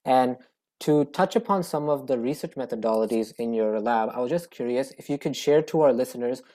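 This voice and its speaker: A student podcast host with a mellow, warm tone reads a prepared introduction and then asks the guest scripted questions. The pitch sits in the middle of the range and the delivery is steady. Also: brisk. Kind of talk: podcast interviewing.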